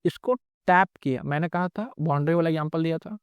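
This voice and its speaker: A man's voice: fairly high pitch, quick pace, clear, resonant tone, no room sound, muffled recording. A man teaching trading in a recorded lecture, explaining step by step and repeating himself often.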